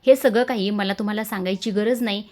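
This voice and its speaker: A firm, commanding family head who gives orders through his worry, as a woman reads him. His lines are spoken in a middle pitch and a plain tone. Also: fairly even intonation, fast talker, a little mellow, close to an everyday voice. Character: worried, commanding head of the household, man.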